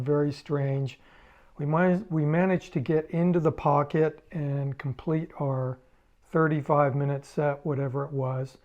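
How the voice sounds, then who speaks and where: A man's voice: on the high side, a little mellow, muffled recording. A man casually recounting a touring story, rambling and acting out the exchanges he quotes. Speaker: musician telling tour stories.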